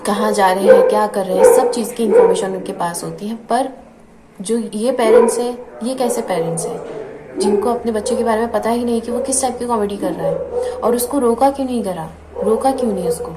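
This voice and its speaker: A woman's voice: a little high, a little fast. A woman vlogger giving an earnest, indignant opinion, repeating the same filler word often. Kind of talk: opinionated commentary vlog. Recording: echoey room with clear background noise.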